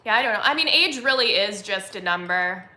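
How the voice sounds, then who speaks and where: A woman's voice: mid-range voice, animated, a little fast, bright, forceful tone. A woman in her twenties hosting a casual live chat, rambling and chatty with lots of "like" fillers, at home. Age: 20s. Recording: echoey room.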